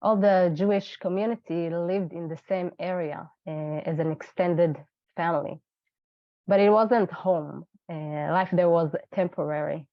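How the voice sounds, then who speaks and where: A woman from Ethiopia in her thirties tells her own story over a video call, earnest and halting with many fillers. Her voice sits on the low side and she is not feeling well. The sound is dry and dull, like a lo-fi call. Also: fairly even intonation, dry recording. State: unwell. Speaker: webinar guest speaker. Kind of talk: personal testimony.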